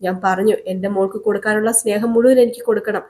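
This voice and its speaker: A woman's voice: mid-range voice, steady tone, racing, lightly acted. A woman voicing an angry grown man, a father who insistently demands to see his daughter, in a serial recap. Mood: demanding. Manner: shouting, insistent, repeating demands.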